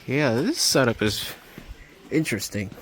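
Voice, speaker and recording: In a large indoor home improvement store, an amateur vlogger walks and talks into his handheld phone, his narration halting and absorbed. His medium-pitched, fairly bright voice swings widely in pitch over noticeable store ambience.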